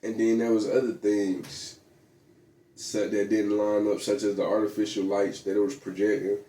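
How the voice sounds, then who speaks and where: A man's voice: fairly low pitch, flat delivery, moderate pace, dark tone. A man vlogging in a casual, rambling monologue, full of slang, fillers and restarts. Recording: echoey room.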